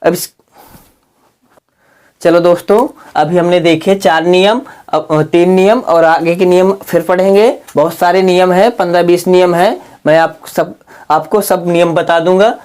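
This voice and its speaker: A man with a fairly high voice teaches a casual video lesson. He keeps asking his viewers questions and answering them himself, and he draws words out slowly as he spells them. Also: fairly even intonation, darkish tone, clear, resonant tone. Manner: slow, drawn-out spelling aloud.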